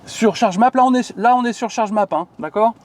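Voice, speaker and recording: High-voiced chatty man outdoors. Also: a little fast. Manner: chatty, many fillers, asks viewers questions. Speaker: channel host explaining electric cars. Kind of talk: casual explanatory chat.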